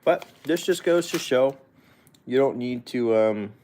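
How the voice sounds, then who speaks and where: A man's voice: mid-range voice, expressive, a little slow, darkish tone, a little hiss or hum. A man casually chatting on a livestream while feeding his guinea pigs, rambling and correcting himself with small chuckles. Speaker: pet vlogger.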